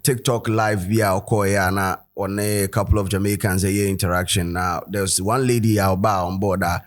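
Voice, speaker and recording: In a low voice that barely shifts in pitch, a Ghanaian-accented host and commentator talks at a moderate pace on his laid-back editorial show. He's chatty and loose, packing in fillers and code-switching between English and Twi.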